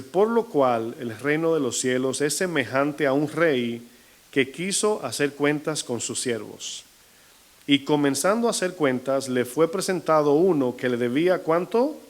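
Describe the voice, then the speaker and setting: A male pastor delivers a sermon with a Latin American Spanish accent. His voice sits somewhat high for a man, and he keeps the congregation engaged with questions. He speeds up and slows down to stress his points. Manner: preaching with rhetorical questions to the congregation; shifting pace, slowing to stress figures.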